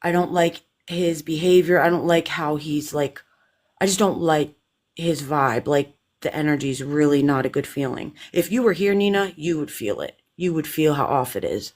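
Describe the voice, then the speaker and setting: A woman's voice: low voice, moderate pace, darkish tone. A woman hosting a live paranormal investigation, sounding exhausted and drained, talking anxiously in rambling restarts. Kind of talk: live-stream chat.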